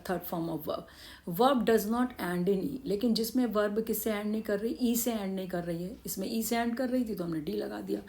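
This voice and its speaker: A woman with an Indian accent teaching an English grammar lesson, explaining rules step by step and answering her own questions. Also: medium pitch.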